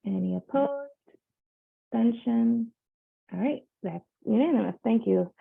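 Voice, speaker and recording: A woman chairs a public board meeting from a video call and works through the agenda with plenty of ums. Her voice has a gravelly edge. The sound is tinny and phone-like. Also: fairly high pitch, a little slow. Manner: procedural, many fillers.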